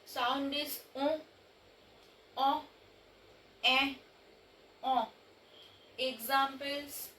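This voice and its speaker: A woman teaching French pronunciation in English, spelling out letters and repeating example words slowly. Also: high voice, flat delivery, pushed and bright, echoey room, recorded from a distance, a little hiss or hum, low-quality recording. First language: Bengali. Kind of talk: slow pronunciation lesson.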